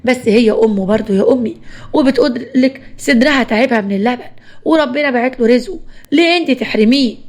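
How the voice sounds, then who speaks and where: A young Egyptian husband, polite and placating, caught between his mother and his wife, as a woman reads his part. He talks quickly on a voice that stays fairly high. It is part of a spoken story. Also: darkish tone, close to an everyday voice.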